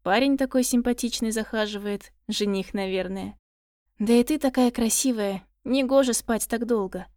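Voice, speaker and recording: Woman reading a kind caretaker lady, gentle and coaxing. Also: a little high, normal speed, no echo, clean studio sound, close to an everyday voice. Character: kindly woman caring for a patient.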